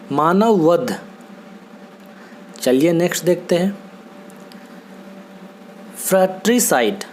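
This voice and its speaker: A man's voice: high voice, a little mellow, slight background noise. Patient man teaching vocabulary. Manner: patient, repetitive, checks in with "theek hai?". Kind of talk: Hindi-language vocabulary lesson.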